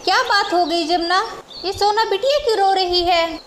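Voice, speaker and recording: A woman's voice: very high voice, moderate pace, a bit bright, a little hiss or hum. A woman voicing a stern elderly village mother-in-law who scolds and gives orders in a storybook tale. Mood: bossy. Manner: scolding, commanding.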